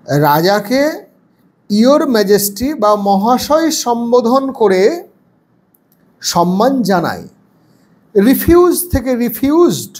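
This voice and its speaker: A man teaching an English grammar lesson. He reads English sentences slowly, then translates and explains them. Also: sits high, darkish tone.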